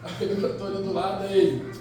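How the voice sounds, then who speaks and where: A man with a Rio de Janeiro accent preaching an animated Pentecostal sermon, telling stories with acted quotes and rhetorical questions, heard in a large church hall. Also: high-pitched, brisk, far from the mic, crowd noise. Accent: Rio de Janeiro Portuguese. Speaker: evangelist preacher. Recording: very echoey church hall, music behind.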